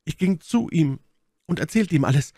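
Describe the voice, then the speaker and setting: A man's voice: fairly high pitch, expressive, moderate pace, dark tone, no room sound, clean studio sound, pitched above the performer's own voice. A man voicing a proud scheming noblewoman. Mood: fervent. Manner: heightened, dramatic pleading.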